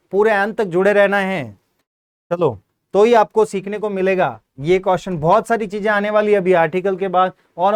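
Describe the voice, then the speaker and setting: A man's voice: sits high, clean tone. A male teacher, giving an exam-prep English grammar lesson, repeating points, quizzing students and spelling words out letter by letter.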